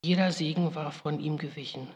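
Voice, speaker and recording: A woman's voice: deep voice, steady tone, a little fast, darkish tone, lo-fi sound, lightly acted. A woman playing Rebekka, a guilt-ridden biblical mother, in a solemn, grave first-person monologue with pleading outbursts, in a big reverberant hall. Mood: solemn lament.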